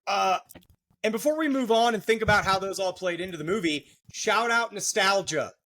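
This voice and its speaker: A man's voice: sits high, moderate pace, bright, forceful tone. A middle-aged man hosting a podcast, explaining psychology in a casual, joking way with lots of fillers. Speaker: podcast host, therapist.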